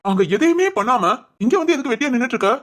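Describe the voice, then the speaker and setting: A fast-talking, bossy young husband. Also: male voice, sits high. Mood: scolding. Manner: quick, bossy questioning that turns coaxing. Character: young husband, teasing then caring. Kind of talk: animated family story voice acting.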